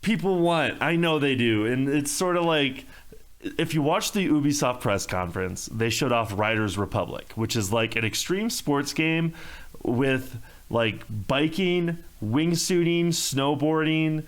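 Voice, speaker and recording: A man's voice: medium pitch, measured pace, a bit bright. A man co-hosting a casual video game chat show, laid-back and rambling, swearing casually. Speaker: podcast co-host.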